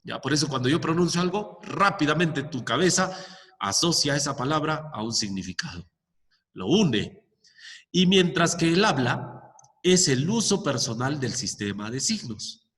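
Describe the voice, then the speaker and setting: A man's voice: fairly high pitch, very animated, moderate pace, a bit bright. A male teacher explaining a language lesson to students step by step, checking in often with short questions and giving examples. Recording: long echoing reverb.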